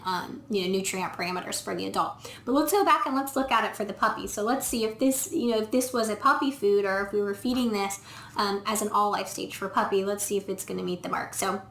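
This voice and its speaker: Recorded on a camera mic in an echoey indoor room, this woman veterinarian films herself reviewing dog food in a casual way. She explains step by step, thinking aloud with frequent ums. Her mid-range voice is a bit bright, and there's slight background noise.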